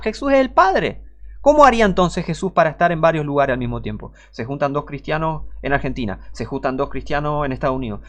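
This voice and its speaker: Preacher, male, Rioplatense Spanish accent; emphatic, rhetorical sermon delivery aimed at the listener. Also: on the high side. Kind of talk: informal online sermon.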